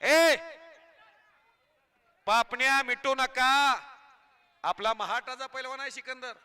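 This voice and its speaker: High, piercing wrestling announcer hollering live. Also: male voice, takes it slowly, clean tone. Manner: excited, shouting, hollering at the crowd. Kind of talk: live loudspeaker commentary. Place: outdoor wrestling ground.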